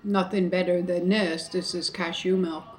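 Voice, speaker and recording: A middle-aged woman chatting casually to viewers on an eating show, chewing while talking, in a halting way with pauses. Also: on the low side, flat delivery, low-quality recording. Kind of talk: casual mukbang chat to viewers.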